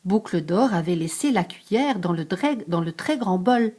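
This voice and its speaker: An older woman reading a picture book aloud to a grandchild, lively, stopping to explain hard words. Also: lowish voice, normal speed, slightly rough.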